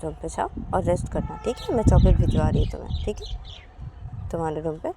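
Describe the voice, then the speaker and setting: A woman voicing a calm, gentle mother who reassures her daughter. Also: on the low side, fairly quick, very noisy. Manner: soothing, reassuring.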